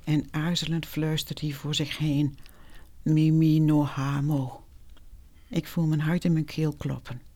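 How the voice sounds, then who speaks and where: Speaking in a mid-range voice, a meditation teacher calmly and deliberately recounts a reflective personal story. Quoted speech is delivered in a whisper.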